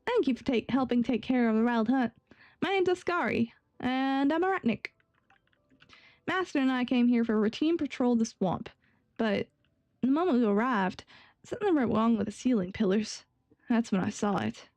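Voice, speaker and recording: A woman playing a jittery young Southern apprentice boy for a game read-aloud, high-pitched, dry close sound. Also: lively intonation, moderate pace, a little mellow, no echo, highs cut off. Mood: earnest. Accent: Southern US put on. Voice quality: reading aloud with stumbles. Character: young male lantern-keeper apprentice, nervous, earnest.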